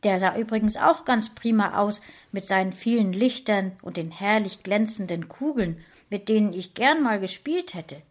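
Woman narrator, gentle storybook reading, mid-pitched voice. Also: normal speed, few pauses. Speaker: audiobook narrator. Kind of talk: scripted narration of a children's story told by a dog.

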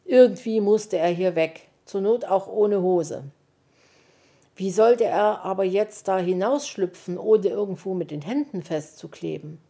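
A woman reads a children's story aloud at an unhurried pace. Her tone is mellow and soft, and she tells the story gently. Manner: slow, gentle reading that jumps into higher voices for the animal characters.

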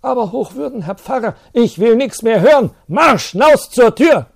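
A man voicing a hot-tempered village pastor, husky and shouting in rage. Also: mid-range voice, expressive, normal speed, no room sound, studio quality, voice pushed up. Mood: furious shouting.

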